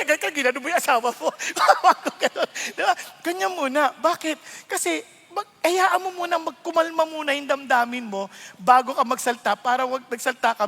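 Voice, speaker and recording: A middle-aged male pastor preaching a sermon, animated and laughing often as he mixes English into his talk. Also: extremely high pitch, gravelly. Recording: long reverb of a large hall.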